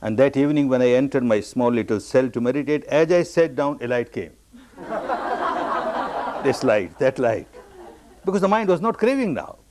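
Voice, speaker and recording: A man from Burma giving a meditation discourse, telling his own story with repeated, emphatic phrases that jump up high on the key words. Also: very animated, moderate pace, pauses often, noisy background. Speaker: meditation teacher.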